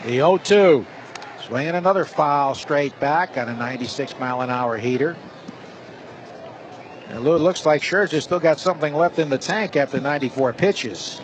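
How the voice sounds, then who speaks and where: A male announcer calls live radio play-by-play of a baseball game from a stadium broadcast booth. He has a fairly high voice and a moderate pace, with steady, loud ballpark noise behind him.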